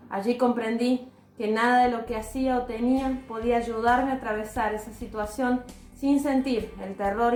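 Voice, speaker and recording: A woman with a slightly high voice gives a devotional talk that weaves in a personal testimony. She speaks in a calm, earnest, measured way. The recording is roomy and carries a noticeable echo, with soft music underneath.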